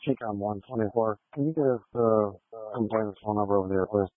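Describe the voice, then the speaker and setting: A man's voice: on the low side, brisk, dry recording. A man working as a police officer, making terse, matter-of-fact calls from the field over a police radio channel. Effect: police radio transmission. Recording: dry tinny radio channel.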